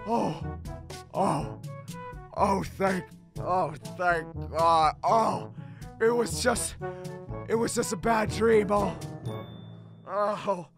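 A man's voice: sits high, very slow, vocal fry, pauses often, over music, exaggerated voice. A man voicing an edgy, brooding hedgehog in a comic dub, stammering and repeating himself in an overwrought way. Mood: shaken relief. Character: edgy, brooding male hedgehog, panicky and easily disgusted.

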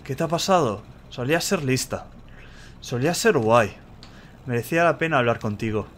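A man from voicing a bitter, sharp-tongued young female crocodile in a curt, scornful tone. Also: mid-range voice, lively intonation, normal speed, a little hiss or hum, lightly acted.

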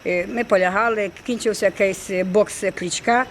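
A woman, excitedly telling a reporter what she saw, rambling from one detail to the next. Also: medium pitch, a little hiss or hum, rough recording. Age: 60s. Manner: rapid, excited, rambling storytelling. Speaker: pensioner eyewitness. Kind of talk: street interview. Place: outdoors on a town street.

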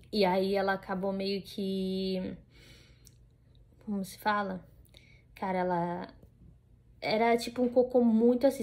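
A woman's voice: mid-range voice, darkish tone. A young woman with a Brazilian Portuguese accent, chatting casually to the camera at home. She rambles, with many fillers and restarts. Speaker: vlogger.

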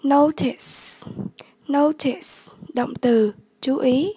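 A woman English tutor, slowly repeating vocabulary words and giving the word class, the stressed syllable and the meaning of each. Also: high-pitched, mellow, dry recording. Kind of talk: vocabulary lesson.

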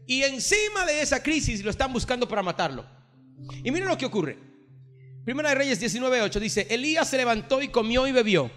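Pastor, male, very high voice, forceful bright tone, impassioned sermon over faint music. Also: sing-song, brisk. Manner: preaching with rising, declaiming intensity. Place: livestreamed from a church or studio.

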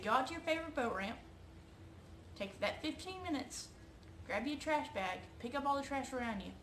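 A woman speaks close to the mic in a slightly high voice. She sounds emphatic and rallying and leans hard on key words. The recording has a roomy echo and a faint hiss underneath. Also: fairly bright tone. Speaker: vlogger. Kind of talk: direct-to-camera vlog and announcement. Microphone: phone or camera close to her face.

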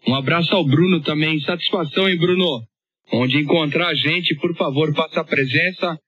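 Male Brazilian radio operator, somewhat high and husky, chummy, band-limited transmission. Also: moderate pace, no room sound. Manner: chummy, colloquial. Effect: two-way radio. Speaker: amateur radio operator leading the exchange. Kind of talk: casual ham radio chat. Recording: dull, band-limited shortwave radio audio.

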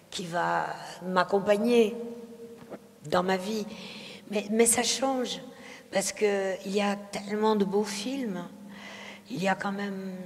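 A woman's voice: medium pitch, creaky, a little mellow, big-room sound. A woman from France, a film director, giving reflective interview answers at a public talk. She hesitates often, with many fillers and restarts. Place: festival talk hall.

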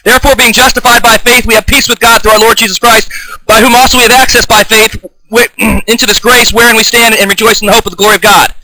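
Fired-up man preaching with a high bright voice. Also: little pitch movement, quick pace, no room sound, low-quality recording. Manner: fired-up, combative, denouncing opponents; frequent restarts and throat clearing. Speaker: self-taught online preacher. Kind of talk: improvised video sermon with scripture reading.

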